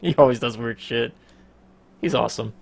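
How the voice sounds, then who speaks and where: A man's voice: mid-range voice, moderate pace, vocal fry, no echo. A man hosts a casual podcast in an easygoing, rambling way. He swears freely and laughs often as he talks. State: out of breath. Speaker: podcast host.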